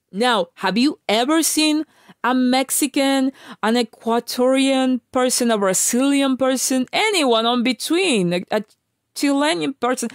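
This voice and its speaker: Speaking in a high voice, a woman from Argentina lectures her vlog audience in an emphatic, casual rant packed with fillers and false starts. The sound is a clean studio recording without any echo.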